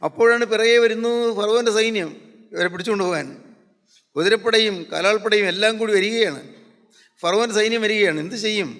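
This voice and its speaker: A man's voice: high-pitched, a little fast, a bit bright. A man preaching a gospel sermon in a fervent, repetitive style. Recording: long hall reverb.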